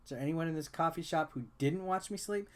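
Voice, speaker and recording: A video game reviewer with a slightly high voice talks fast through casual gameplay commentary, sounding bored. He reads dialogue aloud and throws in sarcastic asides.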